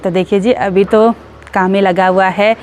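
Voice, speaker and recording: A woman's voice: medium pitch, steady tone, moderate pace, darkish tone, a little hiss or hum. A woman in her thirties vlogging casually, chatty and cheerful, laughing often as she walks and drives around. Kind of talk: casual vlog narration. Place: in a car and walking through a house.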